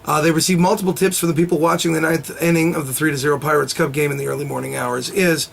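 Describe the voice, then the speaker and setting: A man's voice: a little high, level tone, quick pace, gravelly, a little hiss or hum. A man co-hosting a comedy show, telling a news story in rambling, giggly banter.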